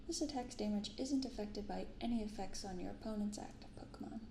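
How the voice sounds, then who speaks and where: A woman hosting a card-opening ASMR channel speaks softly, gently and unhurriedly in a medium pitch, offering casual commentary. The binaural recording has a roomy echo and clearly audible background noise.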